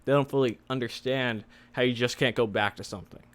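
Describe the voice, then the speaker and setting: A man's voice: mid-range voice, fairly even intonation, a little fast. Man with slightly slurred, retainer-muffled speech. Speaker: host, software developer giving career advice. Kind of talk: casual advice vlog.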